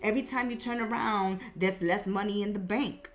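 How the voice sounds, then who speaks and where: This tarot and horoscope host delivers a mystical reading off the cuff, chatting conversationally and repeating phrases for emphasis. Her voice sits at medium pitch, with fairly even intonation and a moderate pace.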